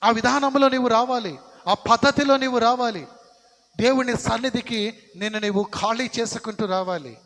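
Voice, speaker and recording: A man's voice: extremely high pitch, moderate pace, fairly bright tone. A man preaching a sermon as pastor, emphatic and repeating phrases for stress, in a church. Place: church sanctuary. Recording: long reverb of a church hall.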